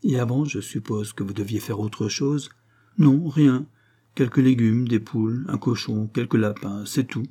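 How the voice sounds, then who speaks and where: A man doing Tonin, a gruff, resigned farmer. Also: mid-range voice, measured pace, warm tone. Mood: flat, resigned. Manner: gruff, quarrelsome. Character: grumbling middle-aged male farmer, resigned and touchy.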